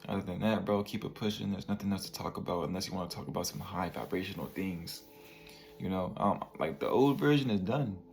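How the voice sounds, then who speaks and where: A young man in his twenties speaking slowly in a slightly low, gravelly voice. He talks in a loose, slang-heavy motivational monologue, tagging lines with "bro" and "you feel me". Faint room ambience sits behind him. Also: darkish tone, slight background noise. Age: 20s. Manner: laid-back slang, peppers talk with "bro" and "you feel me". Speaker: vlogger.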